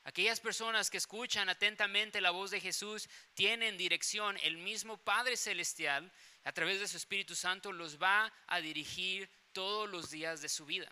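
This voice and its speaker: A man preaches a sermon, weaving personal stories into his message. His voice sits high and rings very bright and smooth. He speaks emphatically and repeats phrases for effect. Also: steady tone, moderate pace. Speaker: pastor.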